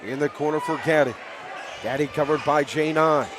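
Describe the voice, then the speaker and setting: Loud fans and bouncing basketballs surround a man doing live radio commentary in a high school gym. His voice is on the high side and his pace moderate, and he supports the home team, reacting loudly to big plays.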